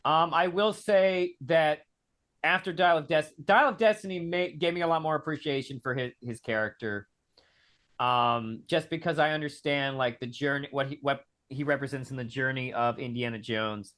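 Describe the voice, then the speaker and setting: A man's voice: on the high side, moderate pace, a bit bright. A man hosting a casual film discussion over a video call, hesitant and full of "like"s. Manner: hesitant, filler-heavy with many "like"s. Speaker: host.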